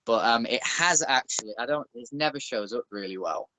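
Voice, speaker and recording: A man's voice: medium pitch, animated, fairly quick, sharp tone. A man in his thirties from Northern England with a Northern English accent, a bare knuckle boxer chatting as a guest with dry, self-deprecating humor. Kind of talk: casual interview chat.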